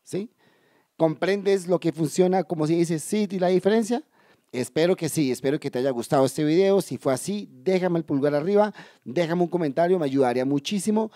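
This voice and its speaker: A man teaching English in a video lesson, explaining step by step, addressing viewers directly and slowly repeating key words. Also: on the high side, warm tone, dry recording, studio quality. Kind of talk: video lesson for Spanish speakers.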